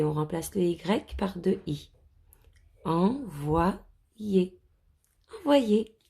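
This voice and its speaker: A woman teacher takes young children through a reading lesson, sounding out each word slowly. Her voice is low, dark and a little husky, and her delivery is lively and coaxing. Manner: slow, clearly sounded-out words. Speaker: primary school teacher.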